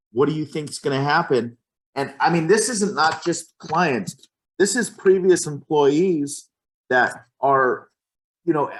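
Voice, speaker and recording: A man who works as a real estate agent, talking passionately and emphatically in a casual podcast chat and often repeating how he starts a sentence. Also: mid-range voice.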